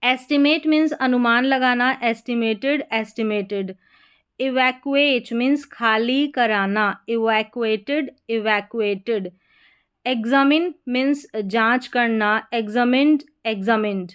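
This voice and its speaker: A woman recites English verb forms in an even, drilled cadence. Her voice sits slightly high and sounds smooth and clear. The delivery is patient and methodical. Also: a little slow. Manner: reads verb lists in steady drilled rhythm. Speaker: English teacher. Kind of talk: vocabulary lesson recitation.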